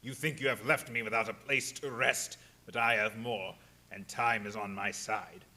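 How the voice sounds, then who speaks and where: An actor playing a menacing, taunting vampire count in a live radio play, speaking in slow, ominous threats. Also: male voice, lowish voice, fairly even intonation, bright, forceful tone. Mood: taunting, triumphant.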